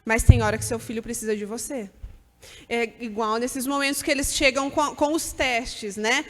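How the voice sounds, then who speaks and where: A woman's voice: on the high side, steady tone, moderate pace, long reverb tail. A woman giving an earnest, direct church talk to mothers. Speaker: church speaker at a mothers' gathering.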